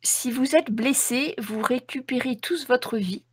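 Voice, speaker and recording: A woman's voice: high voice, unhurried, breathy edge, dry recording. A woman game master narrating a tabletop role-playing game in a descriptive storytelling manner.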